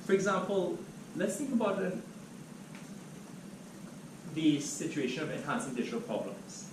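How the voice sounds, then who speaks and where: At a moderate pace and with a slightly high voice, a man from Trinidad and Tobago lectures as a guest at an academic seminar, animated yet steady. The lecture room echoes, the mic sits far away, and noise hums underneath.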